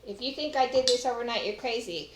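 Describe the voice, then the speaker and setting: Fast and on the high side, a middle-aged Texan cooking show host chats with viewers as she works through a recipe in her home kitchen. The far-camera audio is very noisy, echoey and full of clattering dishes.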